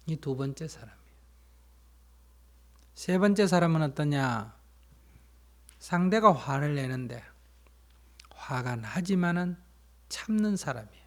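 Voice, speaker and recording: A man, a Buddhist monk, giving a dharma talk that explains and tells stories, sometimes asking his listeners questions and dropping to a soft, whispery emphasis. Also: fairly high pitch. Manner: plain explanatory storytelling, asks listeners questions.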